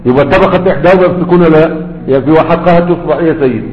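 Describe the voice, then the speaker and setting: In a rapid-fire voice on the high side, an Egyptian-accented Arabic grammar teacher lectures his class, repeatedly asking his students "right?". The sound is dull and lo-fi, with the echo of a hall.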